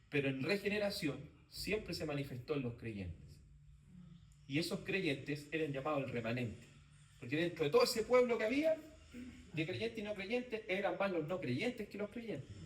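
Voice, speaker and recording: A man teaches a theology class. He speaks in short, repeated phrases and often asks whether his listeners follow. His slightly high voice is caught from a distance in a roomy space with a faint hiss behind it. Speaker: Bible teacher. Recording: roomy echo, voice from off-mic, faint background noise.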